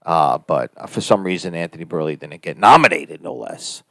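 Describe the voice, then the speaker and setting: A man's voice: deep voice, animated, brisk, gravelly, pushed and bright, no room sound. A man with a New Jersey Italian-American accent, co-hosting a casual live stream and rambling with many fillers and restarts. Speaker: co-host and actor.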